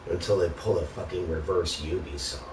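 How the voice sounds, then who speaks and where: Deep-voiced man ranting, exasperated, roomy noisy audio. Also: a little fast. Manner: exasperated, sarcastic complaining. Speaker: video game ranter. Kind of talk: casual, profanity-laden gaming rant. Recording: roomy, noisy, distant microphone.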